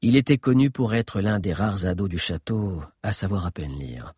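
Lively husky male audiobook narrator. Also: sits low, normal speed, dry recording, clean studio sound. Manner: expressive, lively storytelling.

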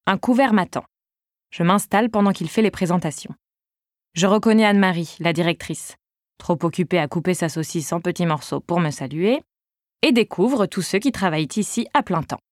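A woman's voice: fairly low pitch, normal speed, no echo, clean studio sound. A woman narrating a novel in the first person with a wry tone. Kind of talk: audiobook narration.

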